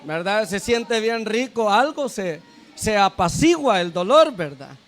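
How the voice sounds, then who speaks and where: A man with a very high-pitched voice preaches a sermon as a deacon. He keeps turning to the congregation with tag questions and calls them brother and sister. He often repeats and restarts his phrases as he goes. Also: very animated, a little slow, fairly bright tone, faint music behind. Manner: addresses listeners as brother and sister.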